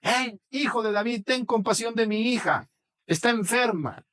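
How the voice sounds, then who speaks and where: A man's voice: very high-pitched, moderate pace, a bit bright, pitched above the performer's own voice. A man with a Mexican accent voicing a desperate foreign mother pleading for her sick daughter.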